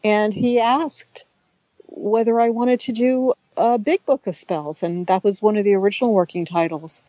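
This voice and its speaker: A middle-aged author, raised in the United States but a native Hungarian speaker, talks about her writing in a relaxed, chatty interview full of restarts and side comments. She speaks at medium pitch and normal speed, and the recording is muffled with no room sound.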